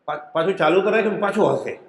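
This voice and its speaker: A man's voice: sits high, quick pace. A middle-aged man gives a conversational religious discourse, explaining with everyday anecdotes. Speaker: spiritual discourse reader. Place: prayer hall. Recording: echoey hall.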